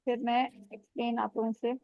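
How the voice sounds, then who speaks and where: A woman teaching Quran recitation rules in an online class, patiently correcting students and modelling sounds slowly. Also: a little high, level tone, vocal fry, no echo, lo-fi sound.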